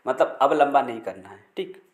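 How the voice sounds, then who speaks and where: A man's voice: medium pitch, lively intonation, moderate pace, muffled recording. Man teaching pronunciation in an echoey room. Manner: spells words letter by letter, repeats key rules; frequent checking fillers. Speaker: English teacher. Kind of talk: Hindi-language pronunciation lesson.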